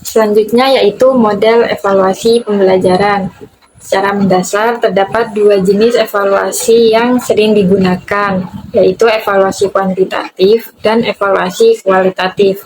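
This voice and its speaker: A young woman, a university student, reading a prepared class presentation in a measured way, with occasional slips and restarts. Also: medium pitch, steady tone, a little mellow, a little hiss or hum, low-quality recording. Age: young adult.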